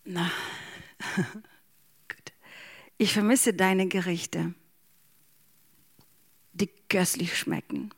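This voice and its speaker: A woman speaks German slowly and softly, hesitating often with fillers. Her voice sounds dry and close, with no room around it. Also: lowish voice, fairly even intonation, slightly rough, dry recording. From Ukraine. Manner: hesitant, many fillers, soft-spoken. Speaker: interview guest. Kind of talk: slow emotional reading and halting answers.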